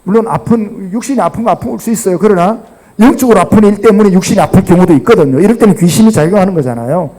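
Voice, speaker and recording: A man's voice: high-pitched, fast, mellow, rough recording. A middle-aged man, a pastor with a Gyeongsang accent, preaching a sermon and dramatically acting out the people in the story. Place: church sanctuary.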